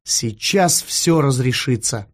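A man doing an eager, excitable young clerk. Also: medium pitch, slow pace.

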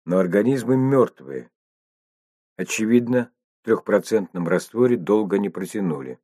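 A man reading an audiobook voicing a stubborn, sharp-tongued woman glaciologist who hisses her scorn. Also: fairly low pitch, lively intonation, moderate pace, breathy edge, dry recording, clean studio sound. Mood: puzzled. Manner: hissing, scornful, insistent.

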